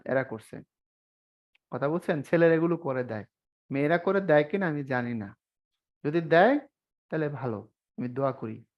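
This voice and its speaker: A man's voice: a little high, muffled recording. A young man teaching an online exam-prep lesson on spelling, chatty and teasing, often asking his students questions.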